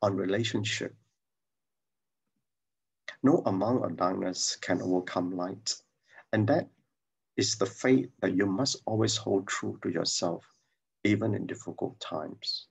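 A low-voiced man shares a reflective dharma talk over a video call, pausing often and restarting his sentences. His voice is gravelly and a little husky. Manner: hesitant, many fillers and restarts.

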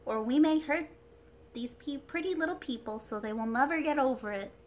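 A woman playing a gentle tin woodman. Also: high-pitched, normal speed, a little hiss or hum, lightly acted. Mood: concerned. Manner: gentle and caring. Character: kind-hearted tin woodman.

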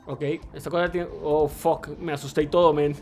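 Excitable high-voiced male streamer. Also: normal speed, soft background music. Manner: excitable, swearing, laughing, mixing English slang; reads chat messages aloud. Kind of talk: live gameplay commentary.

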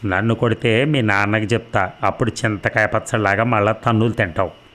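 A cheeky young village girl who answers back defiantly, as a man reads her lines. The voice sits low and close to the reader's own. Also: steady tone, fairly quick, fairly bright tone, close to an everyday voice.

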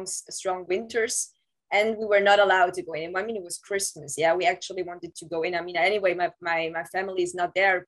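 Woman, 30s, interview guest, halting speech with restarts, video call audio, home room. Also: mid-range voice, fairly bright tone, low-quality recording. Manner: halting, with frequent restarts and "um" fillers. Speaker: interview guest, former Scientology staff member. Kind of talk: casual recounting of past experiences. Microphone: video call, laptop camera mic.

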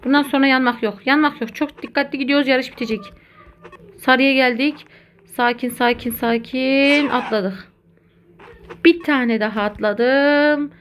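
A woman giving casual, excitable commentary while playing a video game, talking to her viewers as friends. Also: high voice, normal speed, slight background noise. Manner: excitable, chatty, addresses viewers as buddies. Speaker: gaming content creator.

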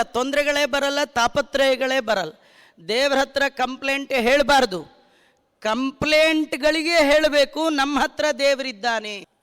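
Man from bangalore preaching scripture, really high bright voice, reverb from the hall. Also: smooth. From Bangalore, India. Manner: preaching, quotes Sanskrit verses. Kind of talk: religious discourse.

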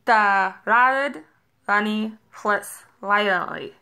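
A young woman with a bright, creaky voice talks with her lips pulled wide apart by a retractor. Her lips cannot close, so consonants come out muffled and lisped as she demonstrates a phrase. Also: mid-range voice, extremely slow. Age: young adult. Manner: lips stretched by a mouth retractor, muffled lisping speech without lip closure. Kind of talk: demonstrating a party game phrase. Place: carpeted living room at home.

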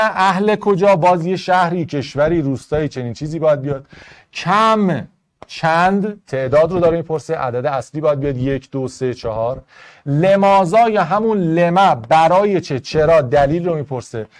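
A man teaching an online Arabic grammar class in Persian, going briskly through test answers and rules, step by step. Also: on the high side. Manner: brisk, explaining step by step to students.

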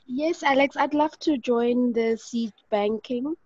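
A woman's voice: high voice, darkish tone, slight background noise. Polite woman on a muffled call. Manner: polite, eager, a bit hesitant. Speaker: workshop participant. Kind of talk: casual chat on a video call.

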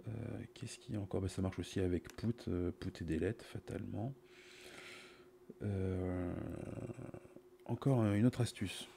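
A middle-aged man talks through his programming in a slow, low voice, casually and haltingly, often muttering to himself. The sound is that of a cheap USB mic, with faint noise and keyboard typing behind him. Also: steady tone, gravelly, dark tone. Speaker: programmer giving a live coding demonstration. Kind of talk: casual, improvised coding commentary. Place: small indoor room at a computer. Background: computer keyboard typing.

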